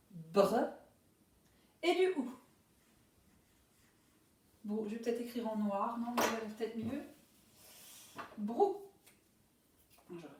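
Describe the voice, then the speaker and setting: Slow, careful teacher woman. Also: medium pitch, a little mellow, very echoey, recorded from a distance. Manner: slow, careful, stretches out each syllable. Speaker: primary school teacher. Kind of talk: remote dictation lesson for young pupils.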